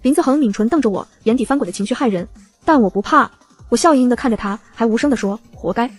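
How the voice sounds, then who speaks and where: Fast-reading woman audiobook narrator. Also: on the high side, lively intonation, husky.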